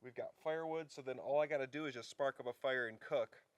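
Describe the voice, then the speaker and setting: A man vlogging casually from a wilderness campsite, chatting in a relaxed way and gently coaxing his dog. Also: medium pitch, quick pace, no echo. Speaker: outdoor vlogger. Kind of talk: casual vlog narration.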